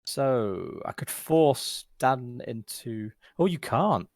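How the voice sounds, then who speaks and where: A man's voice: mid-range voice, expressive, slow, darkish tone, no room sound, clean studio sound. Sweary man explaining board game rules. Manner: joking, sweary, guiding others through the rules. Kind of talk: casual gaming chat over voice call.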